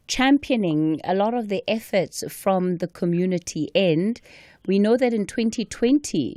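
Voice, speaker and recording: A woman hosting a radio talk show, with a smooth host's delivery as she introduces the topic and welcomes guests in the studio. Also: medium pitch, dark tone, dry recording. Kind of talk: smooth radio host presentation. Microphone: studio microphone.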